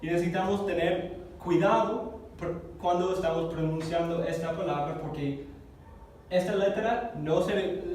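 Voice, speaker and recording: A man teaching a Greek class, explaining slowly and carefully, repeating words and correcting himself as he goes. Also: high-pitched, darkish tone, a little hiss or hum. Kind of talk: classroom lesson. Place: church classroom. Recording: echoey room recorded from a distance.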